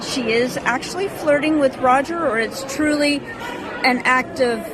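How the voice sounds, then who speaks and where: A woman with a high voice asks eager, chatty questions at a premiere. She is a red-carpet entertainment reporter. A crowd chatters clearly behind her. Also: measured pace. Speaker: entertainment correspondent. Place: busy premiere event. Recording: loud crowd noise behind.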